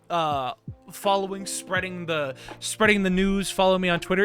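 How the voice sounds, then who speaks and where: A man's voice: on the high side, fairly bright tone. A man hosting a livestream, chatting casually in a rambling, self-interrupting way. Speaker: stream show host.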